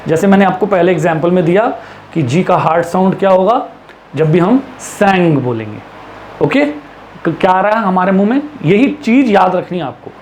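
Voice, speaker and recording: A man teaching English pronunciation in a classroom-style lesson, with an Indian English accent, asking rhetorical questions and drawing out the example words slowly. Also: high voice, lively intonation, darkish tone, a little hiss or hum. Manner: slow drawn-out English examples, brisk Hindi explanations, lots of rhetorical questions.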